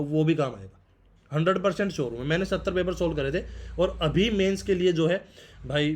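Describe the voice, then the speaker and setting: Young guy, kinda high voice, talks super fast, chatty big-brother tips, keeps repeating himself. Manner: brotherly, repeats points, says bhai often. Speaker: exam prep vlogger. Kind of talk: casual advice talk.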